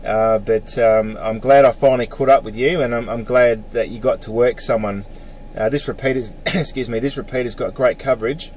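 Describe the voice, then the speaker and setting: A middle-aged Australian amateur radio operator chats casually on ham radio, dropping "mate" often and spelling out call signs phonetically with practised ease. His mid-range voice is steady, a little mellow, and at normal speed, with slight background noise.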